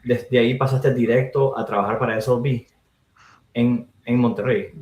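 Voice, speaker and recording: A man's voice: mid-range voice, steady tone, normal speed, a little mellow. A man hosting a podcast, leading the interview in an upbeat, casual way with many fillers. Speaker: podcast host. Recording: roomy echo.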